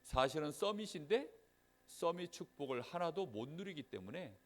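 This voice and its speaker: A man's voice: on the high side, moderate pace. A man giving a sermon to a children's Sunday school class, asking the children questions and checking that they follow. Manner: lively storyteller, acts out little scenes.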